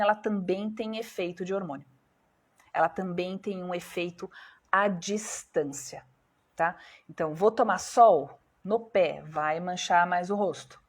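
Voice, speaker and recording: A woman with a Brazilian Portuguese accent, hosting a live stream as a doctor, explaining step by step and putting questions to her viewers. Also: lowish voice. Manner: explanatory, asks viewers questions and answers them herself.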